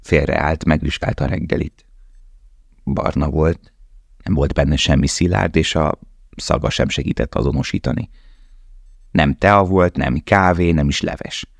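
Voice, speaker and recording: A man reading an audiobook in a steady, measured narration. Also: a bass voice, gravelly, no echo, studio quality. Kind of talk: scripted narration.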